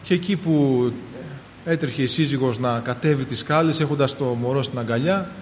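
A man in his thirties preaching a personal testimony, calling his listeners brothers and rising into fervent, shouted prayer. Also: medium pitch, slight background noise. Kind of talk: sermon testimony. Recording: long hall reverb, faint ambience.

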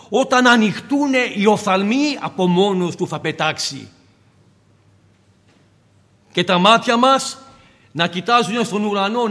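A man with a high voice preaches a fervent sermon. He acts out the scripture dialogue with swings in loudness. His voice rings with long reverb as in a large hall.

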